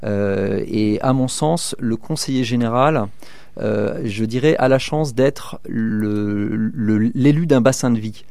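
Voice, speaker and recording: This man's voice is mid-range, gravelly and a little mellow, speaking slowly with no echo in the recording. He's a thirtysomething from southern Manche, France, running in a local election, and he answers the interviewer haltingly, often restarting and using fillers.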